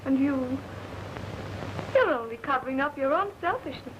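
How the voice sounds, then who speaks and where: A woman's voice: high-pitched, animated, normal speed, lo-fi sound. A woman acting in an early talkie film as a weary, proud stage actress, with a theatrical, earnest delivery. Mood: hurt, reproachful. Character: weary, proud stage actress leaving her lover for marriage. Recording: noisy, hissy early sound film.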